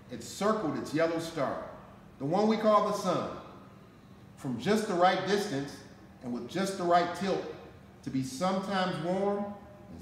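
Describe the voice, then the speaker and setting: With a fairly high-pitched voice, this American-accented man in his forties, a Detroit firefighter, reads a picture book to listeners in a measured, dramatic style full of emphasis. The setting is the indoor fire station garage with a concrete floor, and a camera placed a little way off picks up a hall-like echo plus noticeable background noise.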